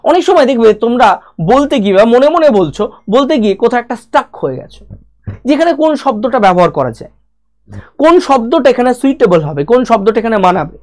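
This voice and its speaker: A woman's voice: a little high, big pitch swings, brisk, a little mellow. A woman with a Bengali accent giving a spoken English lesson, speaking straight to the viewer and going through learners' problems one by one. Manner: direct, talks to the viewer as "you", lists problems one by one.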